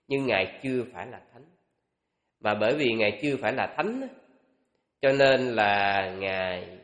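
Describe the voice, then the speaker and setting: A man, a Buddhist monk, giving a dharma talk and thinking aloud with many pauses and fillers. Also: medium pitch, fairly bright tone. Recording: echoey hall with long reverb.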